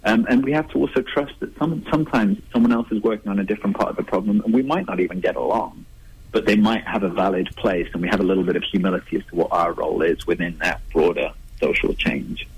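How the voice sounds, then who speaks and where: An author being interviewed answers thoughtfully and conversationally, often restarting his sentences and laughing lightly. His voice is lowish, fast and slightly rough, and the audio is poor.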